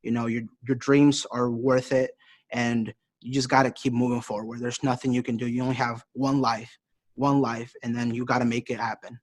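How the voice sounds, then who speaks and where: Teenage guy from iowa giving a pep talk, pretty monotone, dry close sound. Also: mid-range voice, moderate pace, dry recording. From Iowa, USA. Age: teens. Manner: earnest, encouraging, loose restarts. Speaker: youth speaker. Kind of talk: casual motivational talk.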